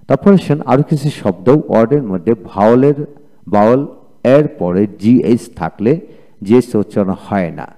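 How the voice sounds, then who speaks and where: A man's voice: fairly low pitch, dark tone. A man with a Bengali accent teaching English pronunciation, reading word lists and repeating each word twice. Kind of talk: slow drill-style vocabulary lesson.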